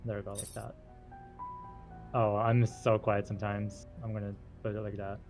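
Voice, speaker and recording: A man talks casually over a voice call, relaxed and offhand. His voice sits fairly low. Faint music plays behind him. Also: normal speed. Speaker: friend on a voice call. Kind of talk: casual chat.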